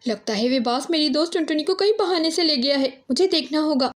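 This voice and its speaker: A woman's voice: high-pitched, brisk, natural voice. A woman voicing a wary, loyal female crow who worries about her friend in a cartoon story. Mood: anxious. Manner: worried, pleading.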